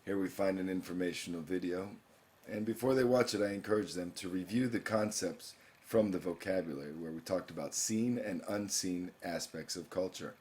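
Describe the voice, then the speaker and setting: This is screencast walkthrough narration: a young man who teaches explains an online course page by page and reads questions aloud. His voice sits low with a darkish tone, at a moderate pace.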